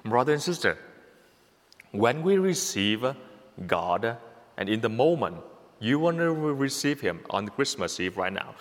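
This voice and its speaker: Priest guy giving a christmas homily, slow and bouncy, keeps repeating himself, big echoey church. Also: mid-range voice. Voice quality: animated, repetitive emphatic delivery. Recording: long hall reverb.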